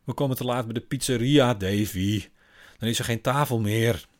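A man's voice: medium pitch, moderate pace, pitched above the performer's own voice, natural voice. A man voicing a weary, embarrassed mother who strains to sound light and cheerful. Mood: hurried.

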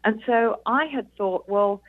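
Over a muffled, band-limited phone line, a middle-aged British woman who is an author answers radio interview questions, explaining things earnestly. She speaks slowly at a fairly high pitch, in a dry recording.

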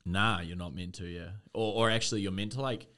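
A man's voice: deep voice, steady tone, a little fast, sharp tone. A man chatting loosely as a podcast co-host, rambling with lots of fillers and swearing. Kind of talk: casual chat.

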